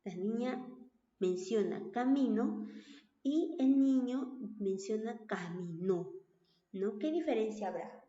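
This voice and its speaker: A woman teacher talks through a recorded class in a patient, repetitive way, often checking in with the listener. Her voice is a little high and mellow. The sound is roomy and dull, like a lo-fi home recording. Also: animated, measured pace. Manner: patient, repeats points with tag questions.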